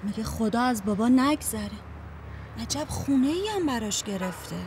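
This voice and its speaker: A woman's voice: a little high, lively intonation, a little mellow, a little hiss or hum, close to an everyday voice. A woman playing an anxious woman relaying words.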